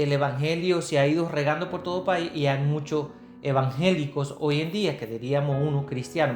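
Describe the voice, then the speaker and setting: A woman from the Republic, giving an earnest Bible teaching sermon and answering her own rhetorical questions. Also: low voice. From Dominican Republic. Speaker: preacher. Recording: echoey room with soft guitar music. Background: faint guitar music.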